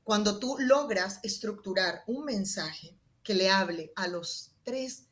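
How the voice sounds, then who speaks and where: Her pitch is medium and her pace slow as she walks an interviewer through how she approaches public speaking. To illustrate, she varies her volume and tone expressively.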